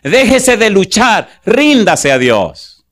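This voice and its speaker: A male pastor delivers a sermon in a fairly high voice. He stretches out scripture verses word by word and keeps asking the congregation questions to press his point. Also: sing-song, fairly bright tone. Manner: asks the congregation rhetorical questions; slows to stress scripture verses.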